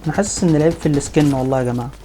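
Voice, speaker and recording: An excitable man with an Egyptian Arabic accent talks fast over his gameplay, firing off strings of repeated cries. Game noise and gunfire are clearly audible behind his voice. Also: a little high. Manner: excitable, rapid-fire repeated exclamations. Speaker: gaming video host. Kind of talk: excited live gameplay commentary.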